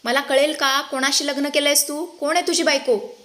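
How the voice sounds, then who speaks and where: An indignant young man demands answers, played by a woman narrator. The voice sits higher than a man's, with rising, insistent questions, in a storybook retelling of a serial. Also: steady tone, normal speed, a bit bright.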